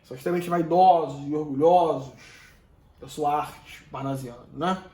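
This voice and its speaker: A Brazilian man, a literature teacher, explaining a poem in a recorded lesson, often checking in with "né?" and reading verses slowly. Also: fairly high pitch, dark tone, echoey room. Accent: Brazilian Portuguese. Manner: reads verses aloud slowly, then explains with many "né?" checks.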